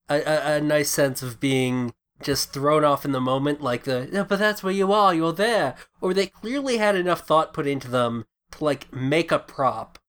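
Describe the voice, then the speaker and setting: A man's voice: on the high side, fairly bright tone, clean tone. A man co-hosting a podcast, chatting casually about a film in a rambling way, with frequent restarts. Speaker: podcast co-host.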